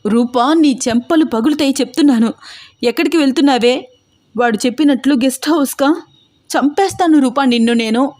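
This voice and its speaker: A woman's voice: fairly quick, mellow, no room sound, natural voice. Woman doing a frantic shrieking elder sister. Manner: shrill panicked questioning.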